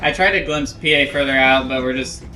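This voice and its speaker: Rambling young man with a bright voice. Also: medium pitch, brisk. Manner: rambling, self-critical, full of ums and likes. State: drowsy, yawning. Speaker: gameplay analyst. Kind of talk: casual commentary over his own match footage.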